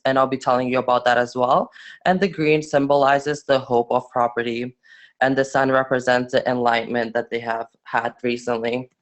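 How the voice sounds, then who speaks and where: A nineteen-year-old Afghan man with a medium-pitched voice gives a presentation in a student webinar, speaking haltingly with many fillers and restarts.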